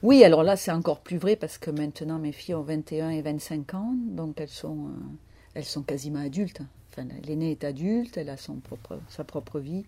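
A woman's voice: low voice, a little fast, mellow, breathy edge. A woman in her fifties speaking as an author in an interview, reflective and searching for her words. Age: 50s. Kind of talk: interview conversation.

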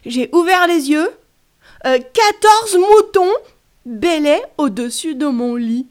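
A woman's voice: high voice, lively intonation, takes it slowly, pitched above the performer's own voice. A woman voicing a chatty, fretful little boy who cannot sleep, sighing and whining with lots of fillers. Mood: alarmed.

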